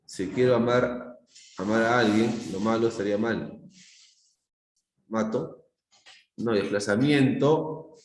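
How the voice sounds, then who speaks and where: Brief: low-voiced Peruvian male teacher, middle-aged, lecturing with examples, roomy echo. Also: slow, long pauses. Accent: Peruvian Spanish. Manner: explains with examples, often asks the class "¿se dan cuenta?". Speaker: psychology teacher. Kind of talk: live online class lecture. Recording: echoey room.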